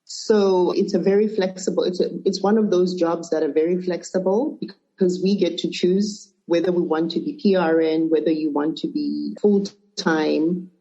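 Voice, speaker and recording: A middle-aged woman from Zimbabwe and Zambia, a podcast guest answering questions in a relaxed way with small restarts. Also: lowish voice, moderate pace, few pauses. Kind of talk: conversational interview answers. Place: remote call. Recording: muffled lo-fi remote audio.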